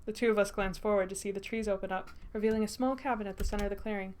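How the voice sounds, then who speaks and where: A woman's voice: medium pitch, rapid-fire. Woman streamer reading a story aloud. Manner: steady storytelling narration.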